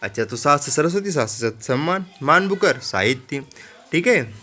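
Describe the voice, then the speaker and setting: A man's voice: fairly high pitch, expressive, moderate pace, bright, forceful tone. A male teacher giving a general knowledge lesson built on memory tricks. He jokes with his students and keeps checking in with "ठीक है". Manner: playful, joking asides to students.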